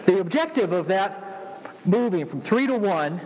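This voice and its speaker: A man's voice: high-pitched, expressive, moderate pace, darkish tone. A man with a Southern accent from Georgia preaching as a pastor, repeating phrases and calling on his congregation to respond. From Georgia, United States. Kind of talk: sermon. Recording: long hall reverb of a large room.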